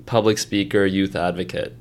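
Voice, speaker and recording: Low-voiced chatty young man guest. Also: little pitch movement. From Egypt. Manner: chatty, heavy use of "like", quick laughs. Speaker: podcast guest. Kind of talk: casual conversation.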